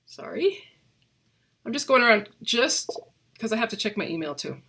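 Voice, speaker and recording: Woman, middle-aged, bright high-ish voice, chatty rambling craft demonstrator, enthusiastic, hollow cave-like off-mic recording. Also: lively intonation, a little fast, husky. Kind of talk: casual live craft tutorial.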